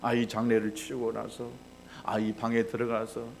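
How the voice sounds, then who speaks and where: A male pastor preaching a sermon, telling a story with animated delivery and acting out the voices of the people in it. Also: mid-range voice, normal speed, vocal fry, a little hiss or hum.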